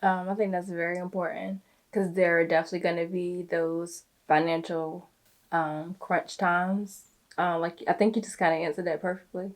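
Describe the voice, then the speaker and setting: A woman with a low voice chats casually as a guest beside her husband. She speaks hesitantly, often pausing on "um" before she gets going. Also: level tone. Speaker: guest, host's wife. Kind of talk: casual chat.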